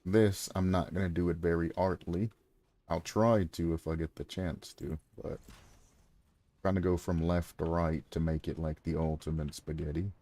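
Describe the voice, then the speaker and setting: A man talking through his gameplay on a live stream, thinking aloud and throwing sarcastic asides at chat, clearing his throat now and then. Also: deep voice, fairly even intonation, moderate pace, dark tone. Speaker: game streamer. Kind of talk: casual gameplay commentary.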